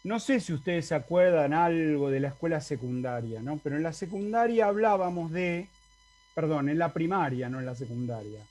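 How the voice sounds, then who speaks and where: A man's voice: fairly high pitch, lively intonation, moderate pace, darkish tone. A male university Latin teacher with an Argentine Spanish accent, explaining in an online lecture over a video call and often checking with the class. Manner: explanatory, asks the class for confirmation.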